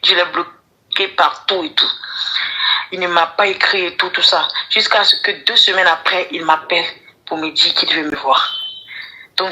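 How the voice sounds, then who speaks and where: A woman's voice: lowish voice, bright, forceful tone. A woman calling an advice show. She is polite and hesitant and keeps addressing the host as her coach. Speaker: caller asking for advice. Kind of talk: phone call to an advice show. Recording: tinny phone line.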